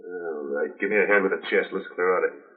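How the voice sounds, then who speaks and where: An actor playing a curt, impatient outlaw henchman with a gruff manner in an old-time radio western. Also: low voice, fast talker, natural voice. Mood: menacing. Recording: tinny old radio recording.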